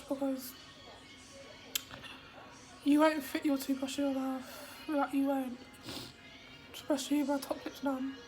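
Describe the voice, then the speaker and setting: A woman vlogging from a hospital room after surgery, her voice hoarse and weak, often dropping to a whisper. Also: high-pitched. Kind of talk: casual vlog.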